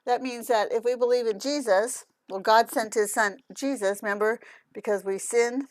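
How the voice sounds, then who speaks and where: Woman puppeteer leading a kids' Bible lesson, patient explainer, higher-pitched voice, dry close recording. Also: normal speed, dry recording.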